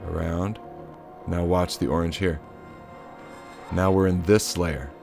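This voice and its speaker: A man's voice: sits low, steady tone, slow, creaky, darkish tone, soft background music. A man giving a loose, chatty hands-on synth tutorial, cracking offhand jokes and the odd swear word. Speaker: synth module demonstrator.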